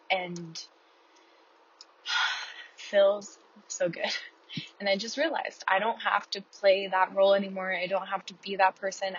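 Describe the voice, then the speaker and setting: A woman hosting a casual, reflective podcast while driving, talking in a hesitant, rambling way with many fillers. Her voice comes through a low-quality earbud mic in a car. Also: fairly bright tone, breathy edge, highs cut off. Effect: low-quality earbud-mic sound. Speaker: podcast host. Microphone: wireless earbuds.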